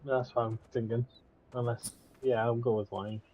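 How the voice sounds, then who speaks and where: Medium-pitched man in casual gaming chat. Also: little pitch movement, moderate pace, darkish tone, husky, muffled recording. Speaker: gamer in a co-op let's play.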